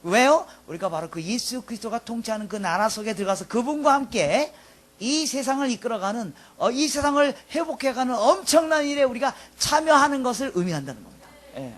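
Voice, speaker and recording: A pastor in his fifties preaching a sermon, swinging from loud emphatic lines to soft, quiet asides. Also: very high-pitched, expressive, fairly quick. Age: 50s.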